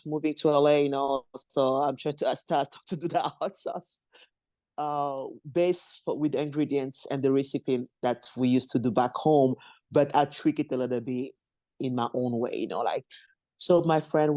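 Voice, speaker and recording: A woman from Congo talks through her story as a podcast guest, in a mellow, warm voice recorded close and dry. Her English is loose and non-native, and she laughs often. She slips into lively voices to act out the people she quotes. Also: extremely low pitch, no room sound. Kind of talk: conversational interview.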